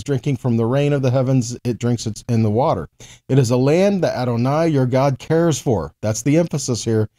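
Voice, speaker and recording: A man in his forties with a dark-toned, medium-pitched voice preaches a teaching sermon to camera. He reads Bible verses and poses rhetorical questions, keeping things conversational yet emphatic.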